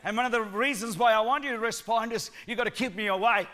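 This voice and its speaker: With a high voice and a fast delivery, a guest preacher whose accent combines Sri Lankan and New Zealand gives a spirited, jokey sermon in church. He calls on the congregation to respond.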